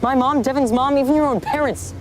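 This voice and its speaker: A bitter teenage boy, played by an actor, accusing someone in a horror drama. The pitch is raised and faint noisy ambience sits behind it. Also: brisk, close to an everyday voice. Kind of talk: acted clip from a horror TV series.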